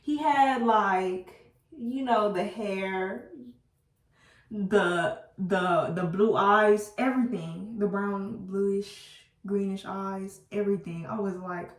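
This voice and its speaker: A woman telling a storytime to her viewers while doing her hair, chatty and animated, laughing at herself and using casual slang. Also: medium pitch, slow. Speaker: beauty vlogger. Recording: roomy, slightly distant mic.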